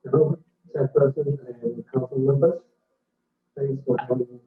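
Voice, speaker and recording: A man speaks up over a remote call that keeps dropping out, so he sounds muffled and distant. The line is thin and phone-like, and he keeps checking whether anyone can hear him. His pitch sits in the middle range. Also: fairly even intonation, normal speed. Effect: muffled remote call line that keeps dropping out, barely audible. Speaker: public hearing speaker. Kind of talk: remote testimony at a public hearing.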